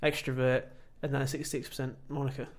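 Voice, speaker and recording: A man co-hosting a casual chat podcast, rambling and self-deprecating, with sudden animated bursts. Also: mid-range voice, fast. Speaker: podcast co-host.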